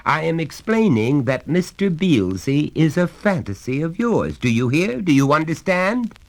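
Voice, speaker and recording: Guy reading as a know-it-all dad, lecturing his kid, slow and swooping all over. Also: on the high side, very animated, pitched above the performer's own voice. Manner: lecturing, coaxing. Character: confident, patronising middle-aged English father. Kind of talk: audiobook reading.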